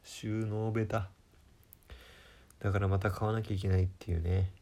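A young man talks through a chatty solo monologue, teasing himself and leaning on fillers. His voice sits low and mellow, with a gravelly, husky grain. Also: flat delivery, normal speed. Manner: self-deprecating, chatty, many fillers. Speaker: comedian. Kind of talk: casual monologue.

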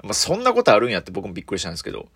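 A man with a Kansai accent, a comedian telling a story on his solo radio talk, lively with sound effects and frequent laughter. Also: lowish voice, rapid-fire, husky, no room sound. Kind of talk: casual solo radio chat.

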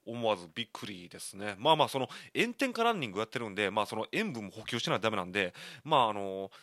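Lively Kansai man in his thirties. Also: on the low side, fast talker, no echo, clean studio sound. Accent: Kansai Japanese. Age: 30s. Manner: candid, rambling storyteller. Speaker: podcast host. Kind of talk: solo talk monologue.

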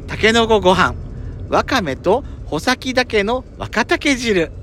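A man hosts a casual letter-reading show in a camp, auntie-like, teasing manner. His voice sits on the high side and moves in lively swoops. Faint road noise from the moving car runs behind him. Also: unhurried. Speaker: podcast host reading listener letters. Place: inside a car being driven. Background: road and engine noise.

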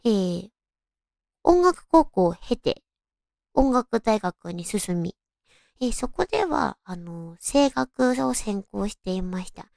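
A woman's voice: mid-range voice, very animated, slow pace, vocal fry, a little mellow, no echo, clean studio sound. A young woman with a cute, distinctive anime-like voice, hosting a casual solo talk and introducing herself in a polite, friendly way. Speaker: host of a solo audio show.

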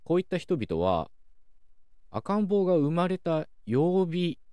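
A man hosting a calm solo talk show, explaining things in a measured way with many soft fillers. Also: high voice, no room sound. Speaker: podcast host.

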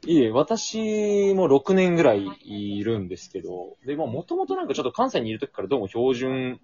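Fast-talking man, lively, lo-fi. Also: mid-range voice, husky. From Kansai, Japan. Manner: rambling, many fillers, self-deprecating. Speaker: podcast guest. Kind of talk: casual conversation. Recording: dull lo-fi audio.

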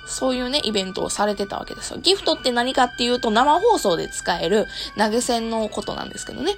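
Hoarse, high-voiced Kansai woman. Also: very animated, fast, faint music behind. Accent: Kansai Japanese. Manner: laughs often while talking. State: hoarse, worn voice after long streaming. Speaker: host of an audio talk show and live streamer. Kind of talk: casual solo talk to listeners.

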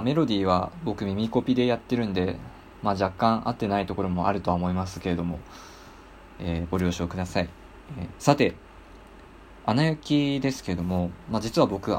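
Guy hosting a chill talk show, kinda low voice, lots of umms, polite. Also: slight background noise. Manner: polite, hesitant with many fillers. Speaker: podcast host. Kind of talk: casual radio talk.

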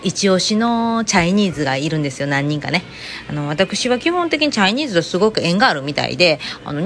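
A woman's voice: on the low side, a bit bright. A woman with a Kansai accent chatting casually to her viewers in a rambling, joking way, with many fillers. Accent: Kansai Japanese. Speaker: vlogger. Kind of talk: casual chat to camera.

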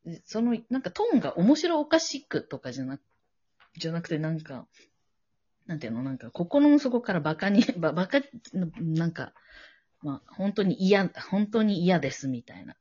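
Woman from Japan, podcast co-host, casual rambling chat, husky and lively, lo-fi recording. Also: fairly low pitch, normal speed. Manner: rambling, searching for words. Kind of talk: casual chat, telling a personal worry.

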